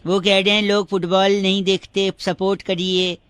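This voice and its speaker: Man doing a prankster voice, bright and piercing, silly puns, mock-polite, radio prank call, dry studio mic. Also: high-pitched, flat delivery, moderate pace, clean tone, dry recording. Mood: mischievous.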